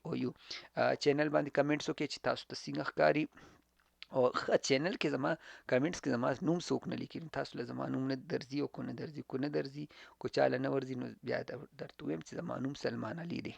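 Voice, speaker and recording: Slow, gravelly man teaching. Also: medium pitch, fairly bright tone, no room sound. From Khyber Pakhtunkhwa, Pakistan. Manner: repeats words slowly, mixing Pashto, Urdu and English. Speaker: English teacher. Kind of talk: casual spoken lesson.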